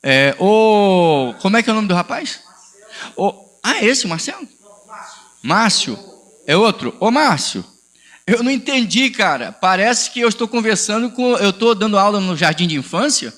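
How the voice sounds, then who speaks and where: A man's voice: sits high, sing-song, normal speed, fairly bright tone. A man preaching on a live stream as pastor, combative and ironic, arguing with a commenter. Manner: combative, ironic, calls listener "filho" and "amigo".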